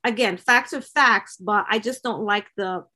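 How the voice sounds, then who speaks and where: A woman's voice: mid-range voice, a little slow. A woman co-hosting a podcast, talking earnestly in a casual discussion with frequent restarts. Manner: earnest, hesitant restarts, animated emphasis. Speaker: podcast co-host.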